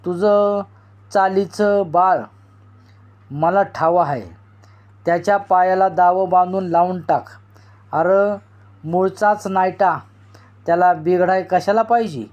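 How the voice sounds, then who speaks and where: A storyteller voicing Daulati, an older village man who is quick to anger and answers with sharp retorts. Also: medium pitch, close to an everyday voice. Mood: scornful. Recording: dull lo-fi recording.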